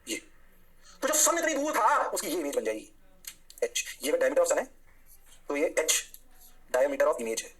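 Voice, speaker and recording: A man teaching a physics lecture, energetic and coaxing, constantly firing rhetorical questions at his students. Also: fairly high pitch, a little slow, long pauses. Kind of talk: classroom lecture.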